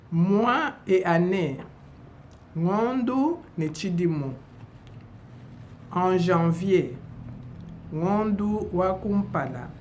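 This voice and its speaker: Very slow, deliberate woman teacher. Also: on the low side, a little mellow, slight background noise. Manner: slow, deliberate, repeats each phrase. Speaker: language teacher. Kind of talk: bilingual vocabulary lesson.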